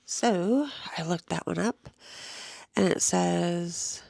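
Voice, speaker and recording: Exhausted middle-aged woman, crackly gravelly voice, slow tired delivery, dry close recording, vlog talk. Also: fairly low pitch, a little mellow, dry recording. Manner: tired, slow, at times dropping to a whisper. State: exhausted and sleepless. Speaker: vlogger. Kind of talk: casual personal vlog, reading an affirmation card aloud.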